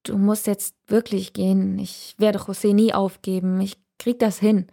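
Woman voicing a tired, fragile mother, soft and slow, storybook reading. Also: mid-range voice, level tone, creaky. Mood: weary. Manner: tired, quiet, breaks into tears. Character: worn-out troubled young mother. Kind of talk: audiobook reading.

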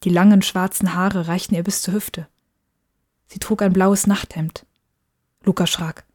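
A woman narrating a story in a calm, measured, hushed way. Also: on the low side, breathy edge.

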